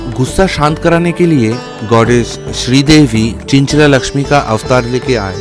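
A man narrates a travel vlog voice-over in a measured, storytelling manner. Sitar music plays clearly beneath his voice. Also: medium pitch. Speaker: travel vlogger.

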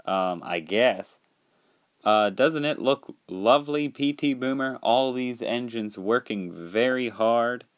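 A man's voice: medium pitch, takes it slowly, natural voice. A man voicing a polite, hesitant crane engine in a homemade storybook tale. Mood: awkward. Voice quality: hesitant, eager to please.

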